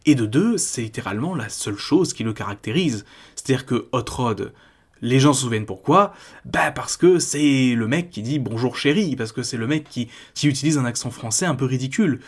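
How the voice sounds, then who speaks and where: A man's voice: mid-range voice, slightly rough. A man from France hosting a video essay, talking in a critical, conversational way with frequent casual fillers. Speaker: YouTube host.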